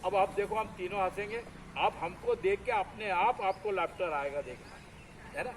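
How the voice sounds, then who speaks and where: High-voiced man leading group laughter. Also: normal speed, low-quality recording. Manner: energetic, coaxing the group to clap and laugh. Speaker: laughter yoga instructor. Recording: crowd and outdoor traffic noise.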